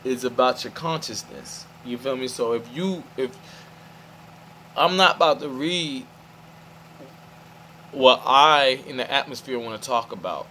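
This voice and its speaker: A man's voice: medium pitch, unhurried, pauses often, sharp tone, poor audio. Male vlogger, mid-range voice, rambling stream-of-thought delivery, faint motor hum underneath. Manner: meandering, restarts, keeps asking "you feel me". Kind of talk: rambling monologue to camera.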